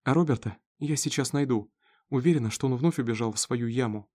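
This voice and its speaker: A male narrator voicing a frantic, anxious farm wife who turns sharp and commanding. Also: mid-range voice, fairly quick, close to an everyday voice. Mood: firm.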